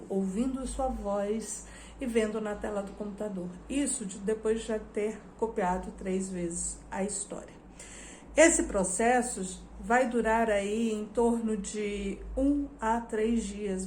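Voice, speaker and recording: A Brazilian woman teacher giving a recorded online lesson, explaining slowly and patiently with lists and repetitions. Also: medium pitch, darkish tone, slight background noise. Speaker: teacher and storyteller.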